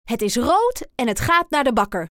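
A woman's voice: fairly high pitch, big pitch swings, moderate pace, fairly bright tone, no room sound, studio quality. Woman doing young boy Sam, riddle lover. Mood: playful.

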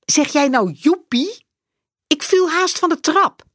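A woman's voice: high-pitched, sing-song, measured pace, a bit bright, no room sound, voice pushed up, full character voice. A fussy, stern storybook mum, voiced by a woman reading aloud, scolding in a raised, exasperated voice that swoops up and down a lot. The sound is close and dry. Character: stern, fussy mother scolding her daughter.

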